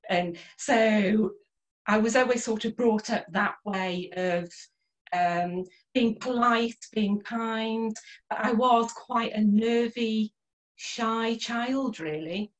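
Her voice sits on the high side and she takes her time as she shares personal memories in a casual video-call interview. A middle-aged holistic therapist, Liverpool-born and now in North Wales, she's in a small room at home, captured roughly by a computer mic.

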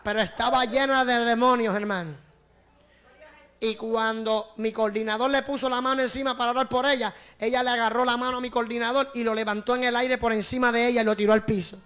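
A man's voice: very high voice, fairly even intonation, a little fast, fairly bright tone, clear, resonant tone. A man preaching a fervent sermon as an evangelist, calling out to the congregation.

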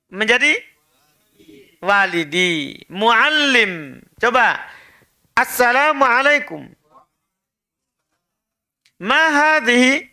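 Guy teaching arabic, super bright sharp tone, talks slow, keeps repeating prompts patiently. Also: high-pitched. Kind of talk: classroom drilling lesson. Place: prayer room classroom.

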